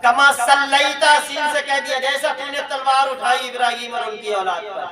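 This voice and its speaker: A man's voice: very high-pitched, distant mic. A man preaching a sermon, urging his listeners with rhetorical questions. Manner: exhorting, rhetorical questions to the audience; drawn-out chanted lines at the close. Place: gathering with an audience. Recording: echoey live hall recording with crowd.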